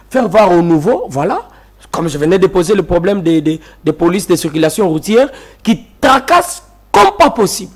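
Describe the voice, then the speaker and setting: A man from the DR Congo speaks with a Congolese French accent as a guest on a political talk show. His voice sits high and swings widely in pitch. He presses his case emphatically and repeats phrases to drive them home. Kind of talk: televised political debate.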